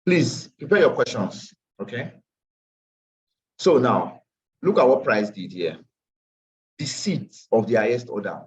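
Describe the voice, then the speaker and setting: Though tired after a long day, this man sounds very animated as he teaches a live online trading class, speaking unhurriedly at medium pitch and pausing often. He walks through charts, repeats phrases and slips into Pidgin, over distant, dull lo-fi call audio.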